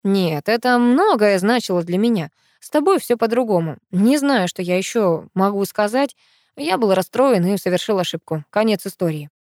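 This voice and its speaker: A woman reading the part of a remorseful grown male professor, speaking low, calm and earnest in an audiobook. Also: normal speed, dry recording, clean studio sound, lightly acted.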